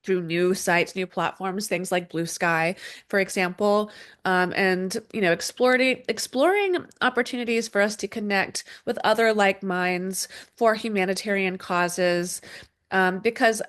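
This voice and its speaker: A woman who hosts an astrology podcast talks on her own in a casual, loose, rambling way, with lots of ums and restarts. Her voice is medium in pitch, a little slow and slightly bright, and she sounds a bit stuffy and sniffly from a cold. She's in an indoor room with dogs, using a desk setup with a camera and screen share.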